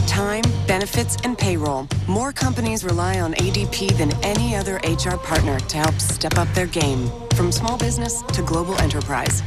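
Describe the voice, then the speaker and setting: A woman reading scripted corporate advert narration. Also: mid-range voice.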